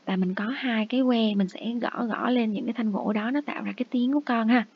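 A woman teacher giving a review lesson to young children. Her voice sits a little high, and she is patient and coaxing as she says each English word slowly and repeats it. The recording sounds muffled and lo-fi. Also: breathy edge.

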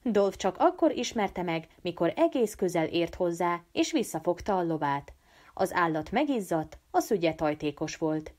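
A woman reading a novel aloud as an audiobook, with an animated, expressive delivery. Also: lowish voice. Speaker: audiobook reader. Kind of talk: storybook narration.

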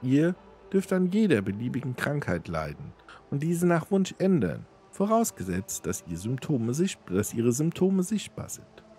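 A man voicing a croaking female goddess of decay disguised as a ragged beggar, in a high put-on woman's voice with a solemn, aloof manner. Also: wildly swooping pitch, a little slow, dark tone, a little hiss or hum.

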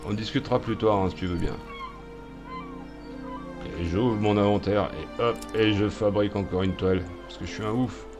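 A man's voice: on the low side, moderate pace, music in the background. A man hosting a let's-play video, making jokey, sarcastic commentary and muttering asides as he plays. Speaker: gaming video host.

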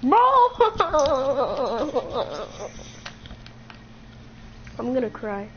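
A woman's voice: high voice, lively intonation, fairly bright tone, slight background noise. A woman hosting a gameplay video, teasing her friend in casual chat. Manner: teasing, playful, quick to laugh. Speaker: gaming video host. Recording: dull lo-fi game chat audio.

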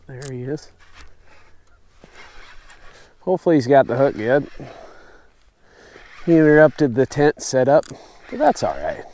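A young man vlogging while fishing from a river sandbar at night, talking to himself in a relaxed, wry way, recorded outdoors on a camera mic. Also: medium pitch, a little hiss or hum. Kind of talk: casual outdoor vlog narration. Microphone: camera-mounted mic, sometimes off-axis.

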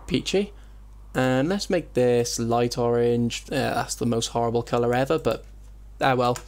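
A man's voice: mid-range voice, steady tone, moderate pace. A man giving casual gameplay commentary, rambling and thinking aloud, often interrupting himself. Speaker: let's play host. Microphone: compressed desktop microphone, voice-over. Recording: faint room noise, keyboard typing, compressed mic. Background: keyboard typing and background noise.

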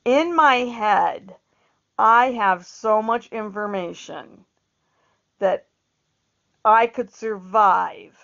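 A woman's voice: mid-range voice, very slow, vocal fry, long pauses, a bit bright. A middle-aged woman chatting in a meandering way, repeating words and laughing often. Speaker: vlogger. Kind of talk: casual rambling monologue. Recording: dull lo-fi recording.

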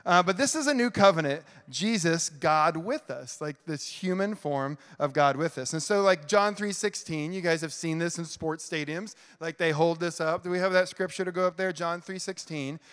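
A middle-aged man giving an energetic, chatty youth sermon full of "like", in a church hall. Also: on the high side, normal speed, hardly any pauses, clear, resonant tone. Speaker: youth pastor. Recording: long hall reverb.

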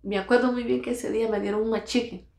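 A woman's voice: a little high, fairly even intonation, quick pace, vocal fry, a little mellow. A woman earnestly telling her own life story, repeating phrases for emphasis and acting out what others said. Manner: earnest, repeats phrases, acts out quoted voices. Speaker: vlogger recounting her own experience. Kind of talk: emotional personal storytelling. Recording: roomy echo.

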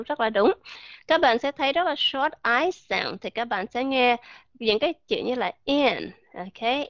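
A woman's voice: on the high side, fairly bright tone, no echo, dull audio. Woman teaching pronunciation online. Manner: encouraging, slowly drills and repeats English words. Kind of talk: live online voice-chat lesson.

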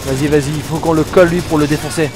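A man giving casual, excitable commentary while playing a war game, swearing and talking back to the game. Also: fairly high pitch, fast talker, a crowd in the background. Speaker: let's play gamer. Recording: game music under voice.

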